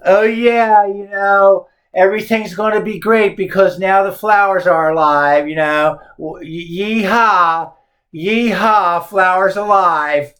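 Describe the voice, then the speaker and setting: A man voicing a mocking male reader who sarcastically cheers in a higher, goofy voice. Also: fairly even intonation, slow pace, a bit bright. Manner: sarcastic, hooting yee-haw.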